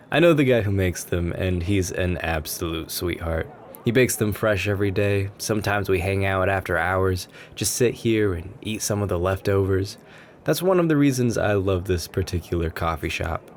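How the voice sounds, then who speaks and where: In a gentle ASMR roleplay, a man plays a shy, sweet, nervous writer chatting with a stranger in a café, rambling anxiously and earnestly. His low-sitting voice is soft-spoken, and noticeable coffee shop ambience fills the background.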